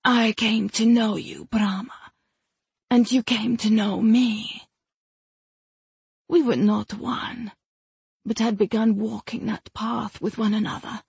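A woman's voice: fairly high pitch, level tone, slow, creaky, long pauses, darkish tone, breathy edge, no echo, voice pushed up, heavily acted. A woman voicing a seductive ancient female spirit bound in a gem, speaking in honeyed, possessive whispers. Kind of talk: audiobook character voice.

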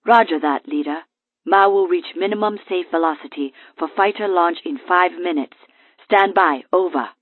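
Crisp ship controller over walkie talkie, tinny and dry, all by the book. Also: female voice, on the low side, normal speed, no echo. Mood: official. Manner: clipped radio protocol. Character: female carrier flight controller, crisp and official. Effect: over walkie talkie radio. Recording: tinny radio line, dry.

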